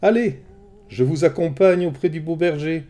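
A man's voice: fairly high pitch, very animated, measured pace, warm tone, husky, voice pushed up, exaggerated voice. A man doing a breezy, charming messenger god. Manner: light, bantering.

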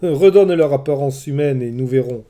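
A man voicing a proud, wary warrior hero in a storybook reading, speaking in forceful, indignant declarations. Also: mid-range voice, normal speed, close to an everyday voice. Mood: grumbling.

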